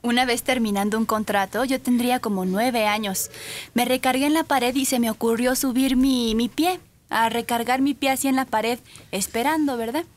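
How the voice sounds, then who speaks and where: A woman with a Mexican Spanish accent, telling an animated story on a radio show. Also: on the high side, normal speed. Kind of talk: casual radio chat.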